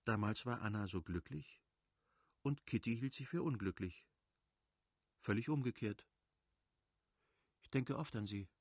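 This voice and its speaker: Low-voiced male audiobook narrator. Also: unhurried, pauses often, husky, dry recording, clean studio sound. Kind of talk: audiobook reading.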